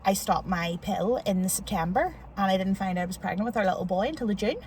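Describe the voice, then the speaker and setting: A woman's voice: mid-range voice, fast talker, a little mellow. A woman in her thirties with a Northern Irish accent, a guest telling a personal story in a chatty, emotional way with lots of fillers. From Northern Ireland. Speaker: interview guest. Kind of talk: casual chat. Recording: voice a little distant from the mic, faint background noise.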